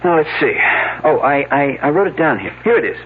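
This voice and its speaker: In a mystery drama, an actor plays an earnest, slightly flustered young man from an archaeological dig, answering questions while recounting events. His voice is on the high side, animated and brisk, close to an everyday voice. The audio is narrow and slightly noisy, like old phone-style broadcast sound.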